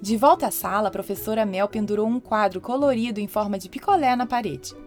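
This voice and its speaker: A woman hosting a children's podcast, narrating a story in a lively storytelling voice. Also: mid-range voice, brisk, soft background music.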